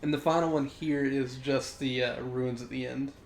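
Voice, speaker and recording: A man's voice: medium pitch, steady tone, moderate pace, a little hiss or hum. Chatty young male gaming streamer. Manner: chatty, reads chat aloud, rambling self-corrections. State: sneezy. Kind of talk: live gameplay commentary.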